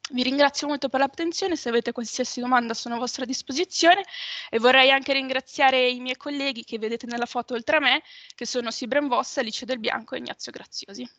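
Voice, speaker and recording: A young woman gives an online slide presentation in a measured way, with some hesitations and self-corrections. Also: high-pitched, fairly bright tone, no echo.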